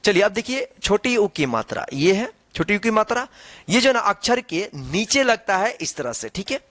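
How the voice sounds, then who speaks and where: Male teacher, high voice with a lively, rising-and-falling delivery, patient and repetitive. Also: moderate pace. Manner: patient, repetitive, checks in with "theek hai na". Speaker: Hindi teacher. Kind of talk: whiteboard lesson explaining Hindi vowel signs.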